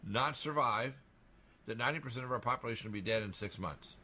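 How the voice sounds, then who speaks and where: A man talking on a radio talk show in a rapid, insistent monologue, emphatic and alarmist as he piles up claims. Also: mid-range voice, pushed and bright, a little hiss or hum.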